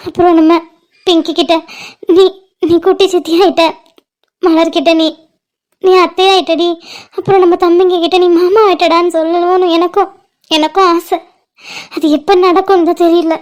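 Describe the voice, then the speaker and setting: Woman, high bright-pitched voice, pleading and affectionate, cartoon family drama. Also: fairly even intonation, normal speed, pauses often. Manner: emotional, pleading, affectionate sisterly talk. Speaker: voice actor for animated family drama.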